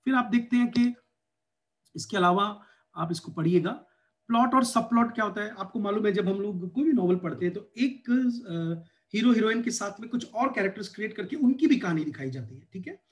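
A man's voice: high-pitched, lively intonation, a little fast. A man from India lecturing on English literature for exam preparation, switching between Hindi and English with an Indian accent and frequent fillers.

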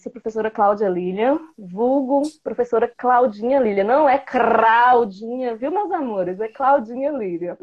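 A biology teacher in her thirties from interior Bahia, speaking with a Bahian Brazilian Portuguese accent, joins a video call as a guest from a small indoor room. She's chatty and playful, gestures a lot, and her rather high voice comes through an earphone headset mic with lo-fi sound.

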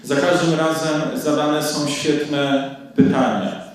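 A man giving a spoken lecture on film as a scholar, measured and reflective with frequent hesitations. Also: on the high side, steady tone, recorded from a distance. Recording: very echoey room, voice off-mic.

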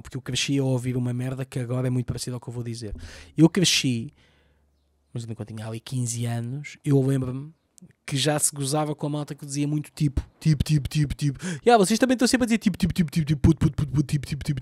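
A man's voice: medium pitch, a little mellow, no echo, clean studio sound. A man with a Lisbon Portuguese accent, hosting a solo podcast, rambling and swearing a lot as he talks. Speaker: podcast host and comedian. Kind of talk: casual solo podcast monologue. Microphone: podcast microphone.

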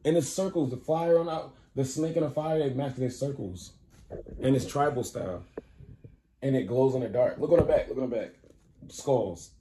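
A man's voice: medium pitch, normal speed, dark tone, a little hiss or hum. A man casually teasing his girlfriend at home with playful, insistent slang during a prank. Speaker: prankster boyfriend, channel host. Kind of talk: casual prank vlog banter. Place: home, indoors.

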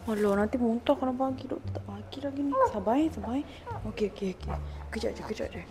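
A woman's voice: fairly high pitch, fast talker, background noise. A young woman with a Malaysian Malay accent, a mother chatting casually in a family vlog and soothing her baby. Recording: music playing over the talk.

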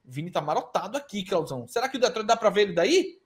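A man with a Brazilian accent calling esports play-by-play, with rapid excited calls that break into shouts. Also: high-pitched. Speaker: play-by-play caster.

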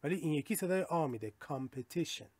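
A man with a fairly high voice teaches vocabulary, chatting through his explanations and then slowing right down to read example sentences clearly. The sound is dry and close, with no room echo. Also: animated, a little mellow. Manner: explains in Persian, reads English examples slowly and clearly. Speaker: English teacher. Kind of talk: vocabulary lesson in Persian.

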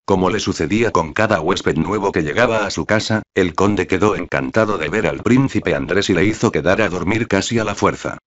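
Very deep-voiced man narrating an audiobook. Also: a little fast, hardly any pauses. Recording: dull lo-fi recording.

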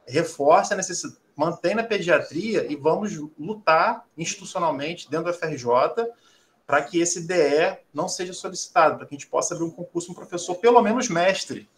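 A Brazilian man, a faculty council member, arguing his position fast in a formal meeting, with many restarts. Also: on the high side. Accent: Brazilian Portuguese.

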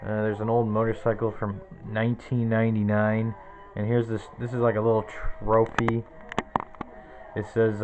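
A man's voice: lowish voice, narrow, tinny audio. A man in his twenties giving a casual, rambling tour of his small cluttered bedroom, naming objects one after another into a handheld camera. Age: 20s. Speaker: vlogger. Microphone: handheld camera close to the face.

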